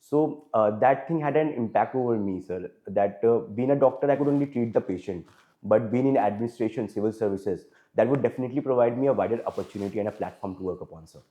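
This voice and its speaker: A man's voice: fairly low pitch, quick pace, dark tone. A man in his twenties with an Indian English accent answering interview questions formally, hesitant with many fillers and deferential. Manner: hesitant, frequent fillers, deferential, adds "sir" often. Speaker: interview candidate.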